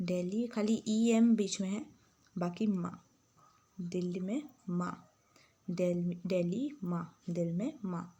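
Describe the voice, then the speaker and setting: A woman tutor runs a spelling lesson at a slow, unhurried pace. She dictates each word clearly and then spells it out letter by letter. Her explanations switch between English and Hindi. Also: on the low side, mellow. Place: home room with some background sounds.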